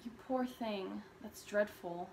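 A sweet, gushing woman on a date, played by an actress. Her middle-pitched voice is tender and sympathetic, with faint hiss behind it. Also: slow pace, vocal fry, a little mellow. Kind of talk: comedy sketch acting.

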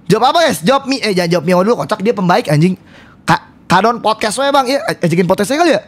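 A man streaming a horror game, talking loudly and rowdily to his chat and swearing often. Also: sits high, lively intonation, fast talker. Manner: loud, rowdy, swearing, addresses chat constantly. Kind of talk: live-stream gameplay commentary.

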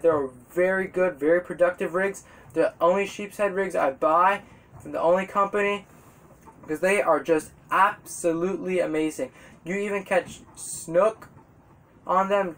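A man's voice: sits high, fairly even intonation, measured pace, fairly bright tone. A teenage boy hosting a fishing channel, chatting casually and gesturing a lot as he explains, outdoors on a boat on the water. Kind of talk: casual how-to vlog.

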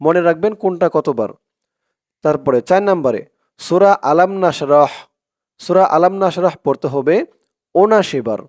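A man's voice: on the high side, a little mellow, no room sound, clean studio sound. Patient Bangladeshi man teaching prayers. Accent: Bangladeshi Bengali. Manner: recites Arabic phrases slowly and drawn out, then repeats counts in plain speech; repetitive, patient, addresses viewers directly. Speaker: religious teacher. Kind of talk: step-by-step instruction.

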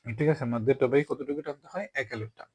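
A man with a Bangladeshi Bengali accent teaching a tajweed lesson, repeating each sound and checking that listeners follow, slowing down to model the words. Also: medium pitch, a little mellow, breathy edge, no echo. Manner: repetitive, drilling with frequent check-ins; slows to model pronunciation. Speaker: Quran recitation teacher.

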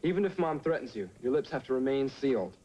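An actor playing an anxious, secretive teenage son with an American accent, youthful and earnest in a sitcom. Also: male voice, medium pitch, lively intonation, fast talker, warm tone, dull audio, lightly acted. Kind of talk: sitcom acting. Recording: 1980s TV soundtrack, noisy, studio audience.

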